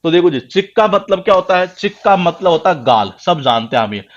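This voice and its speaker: Man, Rajasthani Hindi accent, coaching-class lecturer, repeats words and quizzes the class himself, slightly high voice, muffled lo-fi recording. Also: lively intonation, brisk. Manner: rhetorical questions, answers them himself. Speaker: English teacher for exam prep.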